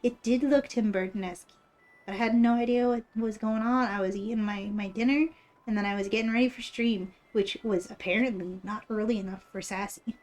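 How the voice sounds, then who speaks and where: A woman's voice: mid-range voice, fairly even intonation, fairly quick, a little mellow, low-quality recording. A woman with a cute, bubbly anime-streamer delivery, chatting casually on a livestream. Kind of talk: casual livestream chat while drawing. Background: background music.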